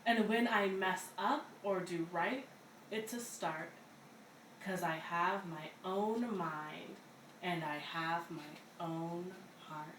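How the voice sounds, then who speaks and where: Her voice sitting on the low side, a community-center story reader gives a picture book an expressive, deliberate reading for little kids. She is heard from afar in a reverberant room, with a little background noise underneath.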